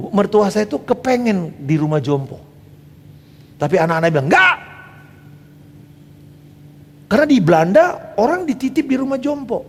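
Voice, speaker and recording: Middle-aged male pastor, lively high preaching. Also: big-room sound, slight background noise. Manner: emphatic preaching, swinging between loud declarations and soft asides; mixes English phrases into his talk. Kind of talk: sermon.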